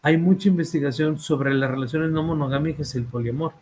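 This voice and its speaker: Fairly quickly and with a slightly high, slightly mellow voice, a Mexican-accented author and therapist presents his book in an academic talk. He hesitates frequently with fillers and repeated words and checks in with his audience, and there's a little hiss or hum.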